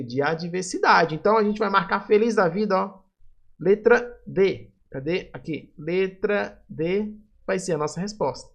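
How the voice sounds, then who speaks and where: A man teaching grammar on video, working through exam questions in a lively, emphatic way and answering his own questions. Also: high voice.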